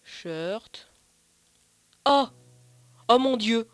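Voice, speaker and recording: A man's voice: extremely high pitch, expressive, extremely slow. A man giving casual, rambling gameplay commentary, often correcting himself and swearing casually. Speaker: let's play host.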